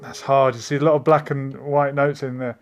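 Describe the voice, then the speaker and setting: A man's voice: medium pitch, little pitch movement, moderate pace, over loud music. Chatty man hosting a live stream. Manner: meandering and chatty, with frequent hesitations. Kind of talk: casual live-stream chat reading viewer comments.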